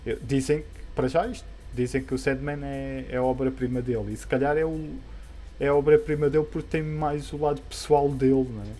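Talking comics in a loose, hesitant, rambling way, a European Portuguese-accented man keeps a steady, dark tone at medium pitch and a fairly quick pace. Background music runs under his voice.

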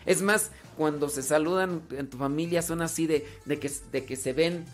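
A man's voice: on the high side, normal speed, faint music behind. A man with a Mexican Spanish accent giving casual relationship advice, chatty and repetitive, acting out examples. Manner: chatty, repeats words, acts out examples.

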